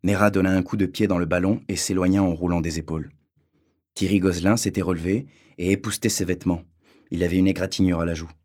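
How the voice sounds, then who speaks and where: A man reading a novel excerpt aloud from a textbook in a steady, measured way. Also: sits low. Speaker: reader.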